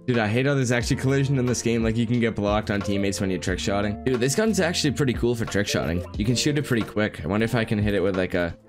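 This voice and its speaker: With music playing behind him, a young man in his twenties delivers casual gameplay commentary at a quick pace, barely pausing. His voice sits on the low side and sounds nasal and congested from a cold. He's a gaming YouTuber, upbeat, hyped and chatty with a friend, recording in a small room at home.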